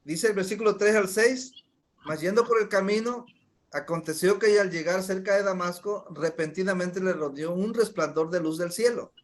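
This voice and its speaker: A man's voice: high voice, moderate pace. A man preaching a sermon, emphatic, often calling his listeners brothers.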